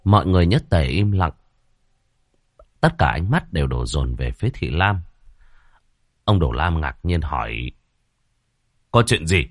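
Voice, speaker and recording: Deep-voiced man narrating a ghost story. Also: sing-song, moderate pace, pauses often, dry recording, studio quality.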